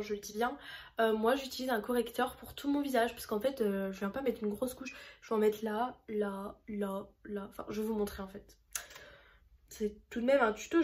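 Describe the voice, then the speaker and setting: With a voice on the high side and a darkish tone, a young woman rambles chattily through a makeup tutorial for her vlog, often teasing herself along the way.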